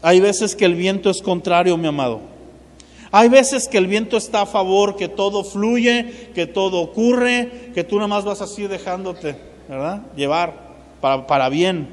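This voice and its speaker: A man's voice: sits high, a little slow, a little hiss or hum. A man preaching a sermon as pastor, talking straight to his congregation and mixing in playful asides. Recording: long reverb of a large hall.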